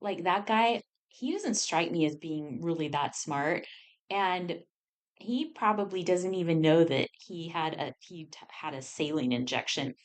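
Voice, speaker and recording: A woman co-hosting a podcast in casual conversation, chatty and quick to laugh, animated when retelling. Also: fairly low pitch. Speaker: podcast co-host.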